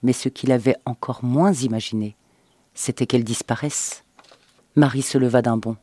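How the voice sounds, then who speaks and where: A man reading a novel aloud as narrator in an expressive, dramatic audiobook style. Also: mid-range voice, normal speed, no room sound.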